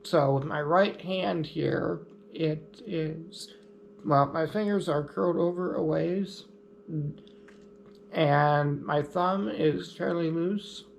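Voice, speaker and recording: Slow-talking man with a gravelly voice. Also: fairly high pitch, a little hiss or hum. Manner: easygoing, plainspoken, lightly humorous. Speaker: vlogger. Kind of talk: casual explanatory vlog talk.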